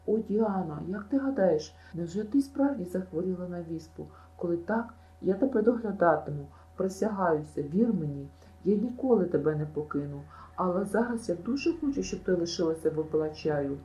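A woman's voice: fairly low pitch, animated, normal speed, warm tone, echoey room, dull audio, close to an everyday voice. A woman reading an audiobook, voicing a chatty, imaginative girl who tells her misadventures in a gushing rush. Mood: pleading. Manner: breathless, gushing storytelling.

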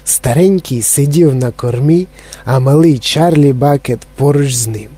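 A man narrating a children's story in a calm, even reading. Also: medium pitch, measured pace, slightly rough.

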